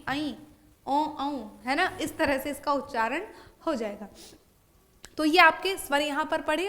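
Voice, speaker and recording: A young woman teacher with a high, light voice. She explains a grammar lesson step by step in a classroom way. She keeps asking a question and then answers it herself. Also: fairly bright tone. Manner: asks and answers her own questions.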